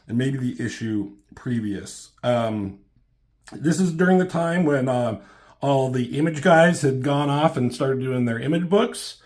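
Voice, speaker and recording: A man in his thirties reviews comics at home, his voice sounding slightly off because he's just getting over a cold. His mid-range delivery is loose and halting, full of ums and casual swearing, captured on a camera mic.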